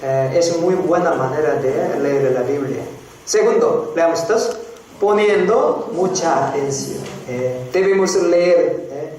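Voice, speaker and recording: Male pastor, slow deliberate sermon, distant mic, heavy hall echo, faint background noise. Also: fairly high pitch, darkish tone. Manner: slow, repeats phrases, frequent "eh?" prompts to the congregation. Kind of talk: sermon teaching. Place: church hall. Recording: very echoey hall, from far off.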